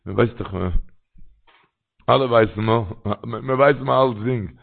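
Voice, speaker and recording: Gravelly man. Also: mid-range voice, normal speed. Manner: rambling, repeats phrases, tells anecdotes. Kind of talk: storytelling religious talk. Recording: tinny phone-line sound.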